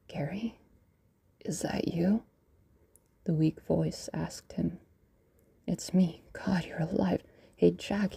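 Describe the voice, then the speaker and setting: A woman's voice: fairly low pitch, creaky, dark tone, husky. A woman reading a short story aloud, often slipping into an unvoiced whisper. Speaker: narrator. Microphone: home voice-over recording.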